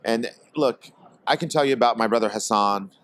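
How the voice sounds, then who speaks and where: A man from Portland, Oregon, guest on a podcast, speaking hesitantly with many pauses and fillers. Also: medium pitch, fairly bright tone. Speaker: guest, tobacco company executive. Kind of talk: casual podcast interview. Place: trade expo.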